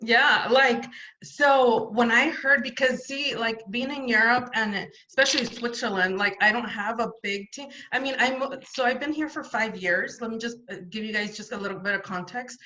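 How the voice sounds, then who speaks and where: A woman is a guest in a casual interview, recounting her story over a video call in a loose, rambling way full of fillers and false starts; French isn't her native language. She sounds slightly high, bright and pushed, at an ordinary speed, though the recording is muffled.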